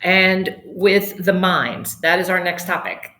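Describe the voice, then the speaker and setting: A woman's voice: lowish voice, fairly even intonation, slow, sharp tone. A middle-aged woman giving a casual webinar talk as a yoga instructor, chatty and digressive, laughing often. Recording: roomy echo.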